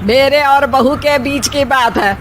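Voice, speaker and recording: A woman with a high, somewhat bright voice takes on the role of a fussy, bossy middle-aged mother-in-law in a cartoon, scolding her daughter-in-law at a measured pace before ending on a nagging "हैं?". A little hiss or hum sits under the recording.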